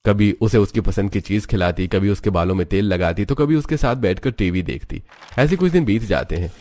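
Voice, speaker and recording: A man narrating a family cartoon story in a steady scripted storytelling way. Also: on the low side, brisk, dry recording.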